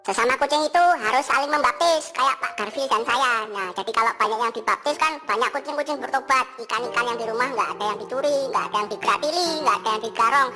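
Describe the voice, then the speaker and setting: A woman's voice: fairly high pitch, fast talker, few pauses, close to an everyday voice. A woman voicing a cheeky reformed cat preacher. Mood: playful. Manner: playful, sound effects, sing-song. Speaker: Sunday school storyteller. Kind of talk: children's storytelling. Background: music.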